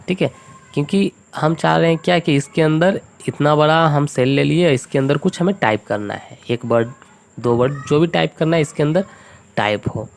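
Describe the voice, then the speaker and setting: A man talks through a screen-recorded spreadsheet tutorial. His voice sits at a middling pitch with a gravelly edge. He moves step by step and keeps checking that his listeners are following. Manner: patient, step-by-step, frequent check-ins. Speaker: computer tutor.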